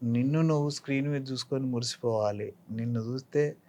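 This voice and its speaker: Fairly quick and mellow at medium pitch, this middle-aged or older actor speaks with a Telangana Telugu accent during an interview. His manner is didactic, reflecting and advising through illustrative examples.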